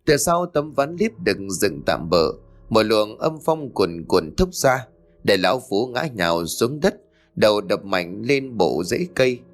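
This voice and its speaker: A man narrating a ghost story in a dramatic, expressive way. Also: on the low side, a little slow.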